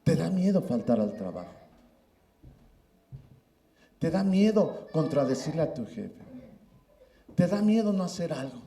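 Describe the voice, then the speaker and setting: Lively-voiced man preaching. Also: fairly high pitch, measured pace, long pauses, reverberant. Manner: emphatic, repeats "hermano" often. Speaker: pastor. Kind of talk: sermon.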